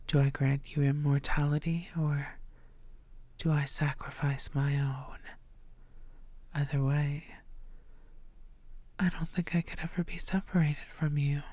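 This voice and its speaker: Playing a possessive, lovestruck ancient vampire seductress, a woman murmurs tenderly for an intimate ASMR roleplay, her breathy voice frequently sinking into whispers. The mood is soothing and teasing, with a low, dark-toned voice captured in a dry recording.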